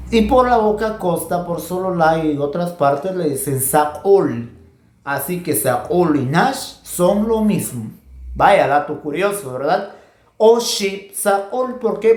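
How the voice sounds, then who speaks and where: A man leads a language class, saying each word very slowly so his students can repeat it. His tone is encouraging and patient. The recording sounds echoey, as if made in a bare room. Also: high-pitched, a little mellow. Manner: encouraging, repeats words slowly for learners to echo. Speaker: language teacher. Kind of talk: slow call-and-response pronunciation drill.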